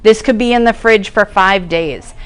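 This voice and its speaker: Smooth-voiced woman teaching baking. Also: medium pitch, moderate pace. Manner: chatty, explains each step while working. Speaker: cooking class instructor. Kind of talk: casual cooking demonstration. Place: kitchen classroom.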